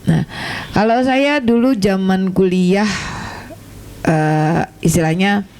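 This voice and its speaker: A woman hosting a live radio program, who chats casually and answers her guest with soft words of agreement. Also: medium pitch, takes it slowly, clear, resonant tone. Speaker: radio host. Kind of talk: casual chat.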